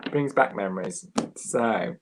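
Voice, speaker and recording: Giggly man talking slowly. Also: on the low side, background noise. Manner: giggly, laughs often, apologetic. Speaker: tarot deck reviewer, co-host. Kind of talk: casual live-stream chat.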